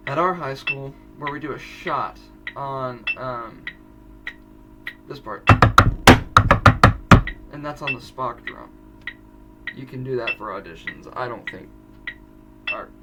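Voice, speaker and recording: A man's voice: mid-range voice, takes it slowly, pauses often, very noisy. Chatty teen guy, far from mic. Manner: chatty, self-correcting, rambling asides. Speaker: drumline student teaching audition exercises. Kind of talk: casual drum tutorial.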